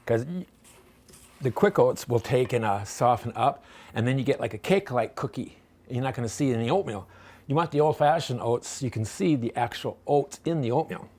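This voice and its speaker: A man walking through a recipe in his home kitchen with a relaxed, folksy manner. He chats and wanders off into side stories between steps, in an ordinary mid-range voice. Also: mid-range voice, a little fast. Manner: chatty, rambling, folksy. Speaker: home cooking vlogger. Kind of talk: casual recipe demonstration.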